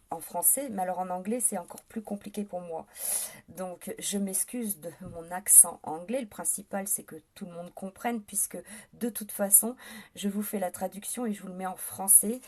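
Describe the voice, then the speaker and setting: A woman's voice: medium pitch, mellow. A French-speaking woman hosting a live stream, talking casually to her viewers with many hesitations and fillers. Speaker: livestream host.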